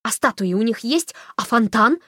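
A woman's voice: a little high, lively intonation, normal speed, no room sound, studio quality, voice pushed up. A woman doing a pushy, nosy older widow. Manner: loud, insistent, gossipy.

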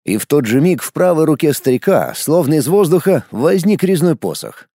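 A male audiobook narrator with a warm, mellow voice that sits a little higher than most men's. His pitch moves a lot as he tells the story, and the recording is dry and close. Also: normal speed, dry recording. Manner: lively storytelling with acted dialogue. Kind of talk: scripted narration.

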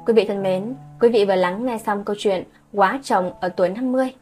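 A woman narrating a scripted late-night story calmly and evenly as the channel's host. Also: medium pitch, fairly quick, soft background music.

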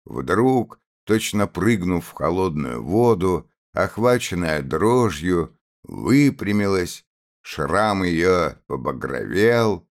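A man narrating an audiobook of a classic novel in a measured, expressive reading. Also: deep voice.

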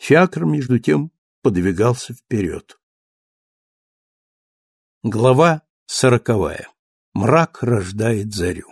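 A man narrating a classic novel as an audiobook with steady, measured delivery. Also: mid-range voice, creaky, husky, no room sound, clean studio sound.

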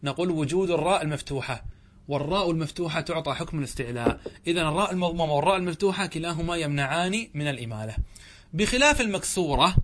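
A man's voice: on the high side, lively intonation, rapid-fire, a bit bright. Arabic grammar sheikh quizzing his class. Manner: asks a question and answers it himself, often restarts and corrects himself. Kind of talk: classroom lecture with questions and answers.

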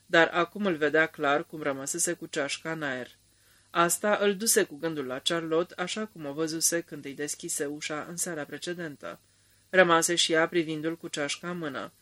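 A man narrating a radio drama in a calm, measured storytelling manner. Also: a little high, natural voice.

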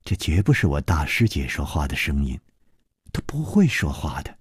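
A man doing a quiet, subdued young disciple. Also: sing-song, moderate pace, slightly rough, no echo, studio quality, heavily acted. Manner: low quiet murmur, partly whispered.

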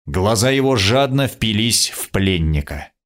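A man reading a first-person adventure story aloud as an audiobook narrator, expressive in delivery. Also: fairly low pitch, measured pace.

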